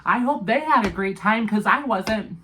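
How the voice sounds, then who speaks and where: A young woman casually telling an animated, profanity-laced storytime about a bad night, full of fillers and dramatic asides. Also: medium pitch, normal speed, background noise.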